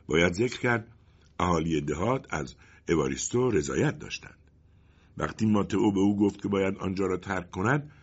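A man narrating a children's story in an expressive, dramatic reading. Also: deep voice, slightly rough. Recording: muffled lo-fi recording.

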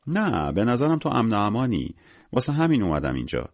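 A man's voice: lowish voice, wildly swooping pitch, gravelly, no room sound, lo-fi sound, voice pushed up, exaggerated voice. A man voicing a weary, menacing gangster in an audiobook, curt and cynical in everyday speech. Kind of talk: audiobook character voice.

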